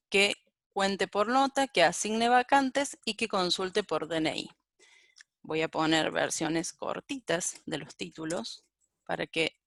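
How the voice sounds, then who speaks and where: Woman teaching programming, slightly gravelly. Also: medium pitch, no echo, studio quality. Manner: thinks aloud while typing, corrects herself. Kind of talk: live-coding lecture.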